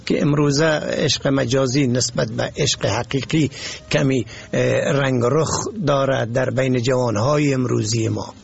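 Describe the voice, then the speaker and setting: A man's voice: medium pitch, steady tone, gravelly, slightly rough. A man with an Afghan Dari accent interviews a guest on the radio, asking questions politely and formally. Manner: polite and formal, with frequent short agreements. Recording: muffled radio broadcast.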